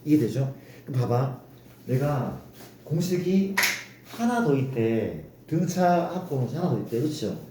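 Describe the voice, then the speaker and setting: A man's voice: mid-range voice, very animated, unhurried. A male math teacher lecturing a class, coaxing students and constantly checking that they follow. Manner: coaxing, keeps asking students to confirm. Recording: echoey room, distant mic, faint noise.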